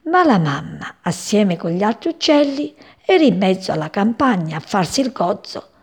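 A woman reading a children's story aloud in a gentle, expressive way. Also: mid-range voice, normal speed, breathy edge.

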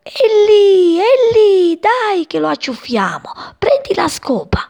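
Woman doing eager little kids, high, excited shouts, storybook. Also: drawn-out words, creaky, full character voice. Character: eager little children hunting a bird.

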